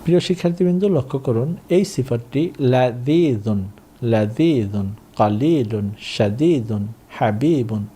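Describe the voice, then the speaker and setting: A man teaching Arabic in a recorded lesson, slowly drilling and repeating words for learners to copy. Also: mid-range voice, lively intonation, warm tone, husky. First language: Bengali.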